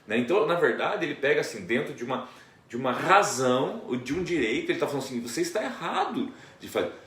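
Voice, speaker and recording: A man's voice: mid-range voice, fast, a bit bright. A man, a pastor, explaining a Bible passage in a conversational teaching style, often checking in with his listener. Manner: explanatory, many tag questions. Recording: echoey room, distant mic.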